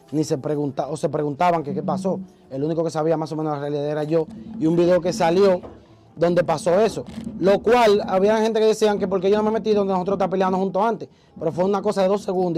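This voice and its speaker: Man, high voice, rapid speech, animated storytelling, faint music behind. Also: poor audio. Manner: animated, acts out quoted voices. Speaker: interview guest. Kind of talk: casual storytelling.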